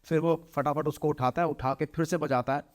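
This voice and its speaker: A man's voice: a little high, fairly quick. A young man, a podcast guest, telling a horror story dramatically, repeating phrases and acting out voices. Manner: animated, repetitive, acts out voices.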